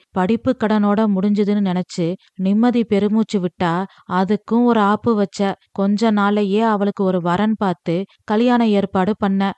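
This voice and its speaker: A woman voicing a grown son who bitterly protests over the family's debts, talking fast and exasperated. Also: medium pitch, a little mellow, dry recording, close to an everyday voice.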